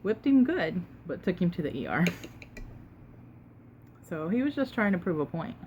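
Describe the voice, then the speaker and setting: A woman tells a casual, unhurried story while eating, pausing to chew and sometimes talking with her mouth full, with emphatic retelling. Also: on the low side, very animated, a little mellow, a little hiss or hum. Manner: unhurried, conversational, emphatic retelling with quoted exchanges. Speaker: mukbang vlogger.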